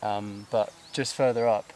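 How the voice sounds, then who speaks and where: A man with a lowish, steady, slightly mellow voice talks to the camera at a measured pace as he climbs a steep outdoor trail. He's out of breath and rambles loosely with fillers and laughs, vlogging casually over buzzing insects and slight background noise.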